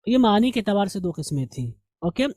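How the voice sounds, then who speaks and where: Mellow-voiced male grammar teacher. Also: sits high, sing-song, a little fast, no echo. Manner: explains step by step, asks and answers his own questions. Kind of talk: recorded revision lesson.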